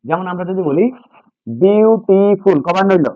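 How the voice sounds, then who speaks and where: With a fairly high, animated voice and a slightly fast delivery, a man leads a grammar class in English, reinforcing key points and asking students questions. There's no room sound; the lo-fi audio is dull and dry, and the lesson runs call-and-response.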